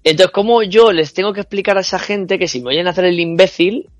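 A young man spins a comic party anecdote, animated and freely swearing as he acts out other people's voices. His voice sits a little high for a man. It is recorded dry and close, with light music behind him. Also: brisk, dry recording, lo-fi sound. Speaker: storyteller on a New Year's Eve show. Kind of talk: comic anecdote told to friends.

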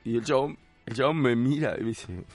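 A man's voice: mid-range voice, brisk, no room sound, soft background music. A young man with an Argentine Rioplatense accent, a podcast host animatedly telling a funny story in casual chat, acting out what people said. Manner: animated storyteller, acts out quotes, laughs often.

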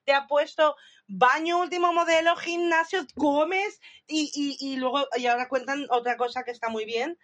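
A woman in casual chat, recapping a show with animated retellings, acting out the lines and swearing freely. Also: sits high, normal speed.

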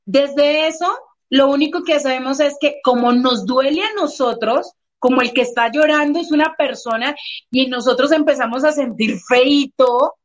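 A woman coach talking casually in an interview, telling stories and acting out what people say. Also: high voice. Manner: expressive storyteller, acts out quoted voices. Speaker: emotional coach.

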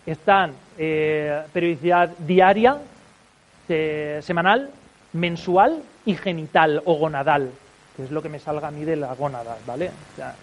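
A man's voice: fairly high pitch, measured pace, lo-fi sound. A man, a podcaster giving an informal talk to an audience, chatty and constantly checking in with his listeners. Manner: chatty, constantly tags sentences with a questioning check.

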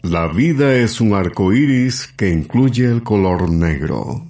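Low-voiced man reading health advice. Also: expressive, slow pace, a little mellow. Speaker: radio health program host. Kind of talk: scripted radio narration.

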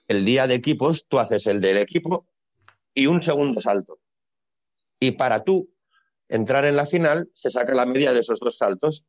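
A man talks easily as an interview guest, explaining things step by step and dropping blunt, colloquial asides. His voice sits at an ordinary pitch. The recording is dry and a little muffled. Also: no room sound. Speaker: retired Olympic gymnast, guest. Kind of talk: casual interview conversation. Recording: dry, slightly dull sound.

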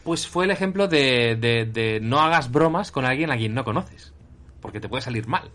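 A man, talking in an easygoing podcast chat at a middle pitch. He tells jokes on himself, loose and self-deprecating, with the rhythm of relaxed banter. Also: moderate pace. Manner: joking, self-deprecating storyteller. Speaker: podcast co-host.

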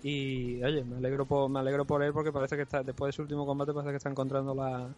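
A man's voice: medium pitch, level tone, fast, darkish tone, muffled recording, soft background music. A man hosting a casual sports chat, rambling with many restarts. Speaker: podcast co-host.

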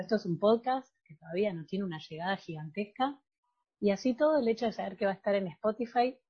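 A woman's voice: medium pitch, slightly rough, lo-fi sound. A woman podcast host with an Argentine Spanish accent, reflective and asking probing questions in casual chat.

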